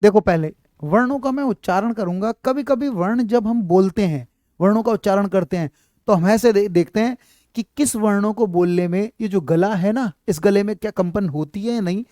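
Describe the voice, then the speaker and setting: Man teaching Hindi letters, dark voice. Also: high-pitched, moderate pace, dry recording, studio quality. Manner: repetitive, checks often that students follow; addresses students fondly as child. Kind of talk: live online class, explaining at a board.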